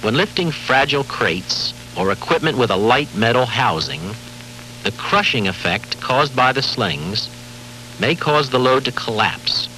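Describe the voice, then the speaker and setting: A man giving formal, measured scripted narration for a safety training film, heard from a worn VHS tape copy with faint hiss and hum. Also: mid-range voice, expressive, pushed and bright, rough recording. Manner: measured, formal, authoritative delivery.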